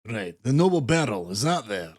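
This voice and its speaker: A man's voice: medium pitch, sing-song, moderate pace. A man playing a tabletop game, asking question after question. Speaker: player. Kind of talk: tabletop role-play.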